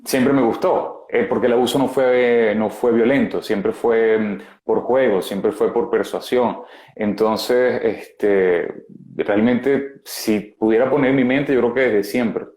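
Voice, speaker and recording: A man in his thirties with a Venezuelan accent, a guest speaking frankly and haltingly about his past over a video call. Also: medium pitch, darkish tone, echoey room. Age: 30s. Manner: frank, halting, many fillers. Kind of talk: candid personal testimony.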